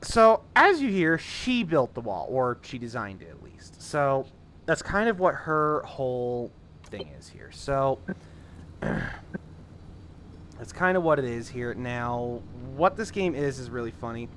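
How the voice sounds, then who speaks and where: A man's voice: mid-range voice, big pitch swings, takes it slowly, a bit bright, a little hiss or hum. A man casually commentating his gameplay in a rambling, chatty way. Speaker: let's-play host.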